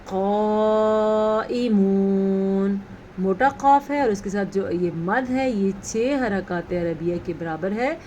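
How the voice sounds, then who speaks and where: A woman teaching a tajweed lesson, explaining rules patiently and reciting words slowly. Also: mid-range voice, a little hiss or hum.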